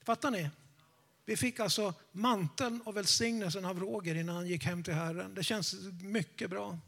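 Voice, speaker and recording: Brief: male evangelist, high voice, playful sermon style, talks straight to the congregation. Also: creaky, fairly bright tone. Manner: jokey, chatty, checks in with the audience. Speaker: evangelist preacher.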